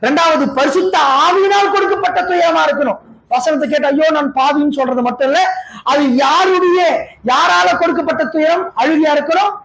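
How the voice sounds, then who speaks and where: High-pitched preacher shouting in an echoey church. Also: male voice, fairly quick. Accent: Tamil Nadu. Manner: swings between shouting and low intense passages, rhetorical questions. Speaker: pastor. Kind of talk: sermon. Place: church hall. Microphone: handheld or stand microphone.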